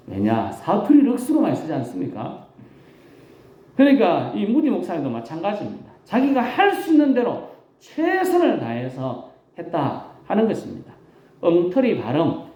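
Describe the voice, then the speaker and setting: A man's voice: high voice, mellow, reverberant, lo-fi sound. A man with a Gyeongsang accent, a rural pastor preaching a Sunday sermon in a folksy, emphatic way with self-deprecating humor.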